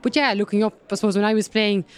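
A woman's voice: mid-range voice, fairly even intonation, racing, clear, resonant tone. A woman with a Kerry accent from the west of Ireland, answering as a rugby player in a casual sports interview. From County Kerry, Ireland.

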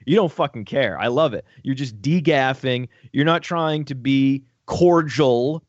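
A man talking fantasy football on a casual sports podcast, excitable and joking, with profane rapid asides. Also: medium pitch, no echo. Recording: dull lo-fi dry audio.

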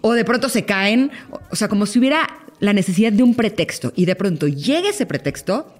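A woman, a guest in a casual podcast conversation, talking expressively and acting out quoted voices. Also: fairly quick. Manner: expressive, acts out quoted voices with sudden high exclamations.

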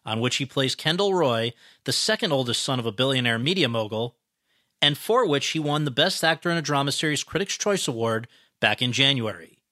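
Male podcast host, bright voice, dry sound, earnest questions. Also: medium pitch, lively intonation, brisk, dry recording. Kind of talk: scripted intro then interviewing.

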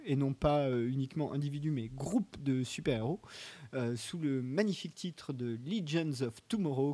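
A man's voice: a little high, dark tone. A man co-hosting a casual podcast, talking about an upcoming TV series in a rambling, hesitant way with lots of fillers and restarts. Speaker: podcast co-host presenting a segment.

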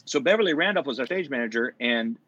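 A man's voice: mid-range voice, lively intonation, quick pace, a bit bright, breathy edge, no room sound, dull audio. A man, a Broadway actor, telling a backstage story in a rambling way, full of fillers and self-corrections. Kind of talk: casual chat.

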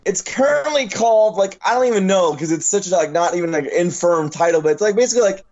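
Gravelly, hoarse man talking sports. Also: sits high, lively intonation, quick pace, darkish tone, dull audio. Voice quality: gravelly, rough smoker's voice. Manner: self-deprecating. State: hoarse, worn out from lack of sleep. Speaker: sports writer and podcast panelist. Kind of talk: casual sports talk.

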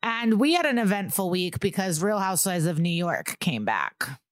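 A woman's voice: on the low side, expressive, moderate pace, no room sound, studio quality. A woman of thirty-three co-hosting a podcast in a bubbly, giggly, rambling way. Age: 30s. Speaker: podcast co-host. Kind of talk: casual chat.

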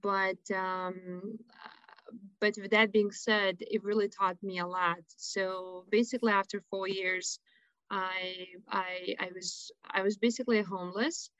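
A woman with a Lithuanian accent tells her own story as a radio guest, earnest and halting, pausing on fillers. Her voice comes through a slightly dull, dry line. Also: medium pitch, steady tone, fairly bright tone, no echo. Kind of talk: personal storytelling interview.

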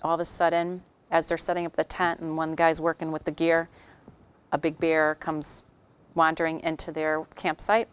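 Low, clear-voiced woman workshop speaker. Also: normal speed. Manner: animated storytelling with acted quotes. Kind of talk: workshop talk to an audience.

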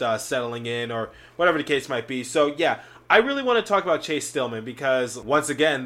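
A man hosts a laid-back sports podcast, wandering through his points and leaning on lots of fillers. His throat is sore and a bit scratchy, yet his medium-pitched voice sounds bright and forceful.

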